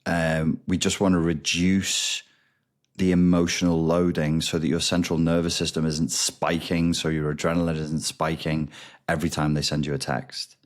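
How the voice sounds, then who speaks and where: A man with a very low voice, guesting on a podcast as a recovery expert. He lays out ideas patiently and step by step, with plenty of pauses to rephrase. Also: little pitch movement. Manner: measured, explains step by step, frequent ums and restarts. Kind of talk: explanatory interview talk.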